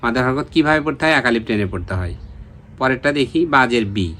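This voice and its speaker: A man's voice: medium pitch, animated, fairly quick, pushed and bright. A man teaching Quran recitation online, patiently repeating letter names and drilling pronunciation. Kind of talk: online Quran reading lesson.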